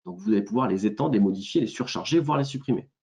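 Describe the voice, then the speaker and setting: A man with a southern French accent presenting a software demo in a webinar, talking hesitantly with many fillers and restarts. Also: fairly low pitch, animated, fast, lo-fi sound.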